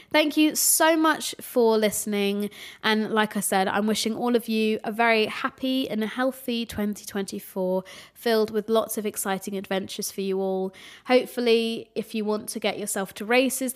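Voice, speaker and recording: A young woman hosts her podcast alone, chatting casually to a camera at home. Her voice sits a little high and sounds somewhat nasal. She keeps things loose and conversational, not polished. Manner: chatty, relaxed, unpolished. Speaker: podcast host. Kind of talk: casual solo podcast chat. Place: home room with changing sunlight. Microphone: camera setup, recorded for video.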